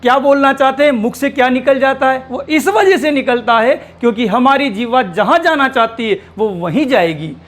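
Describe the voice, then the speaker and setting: A man with a strikingly high voice teaches a grammar lesson to exam students. He works through examples step by step and keeps asking the class rhetorical questions. When he spells out single sounds he slows down and draws the words out. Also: expressive, a bit bright.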